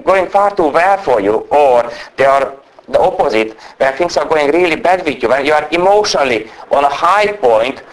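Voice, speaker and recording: A guest preacher delivers a sermon in English with a strong non-native accent, his fairly high voice betraying a cold or flu. A naturally fast talker, he tries to slow himself down, and the audio quality is poor.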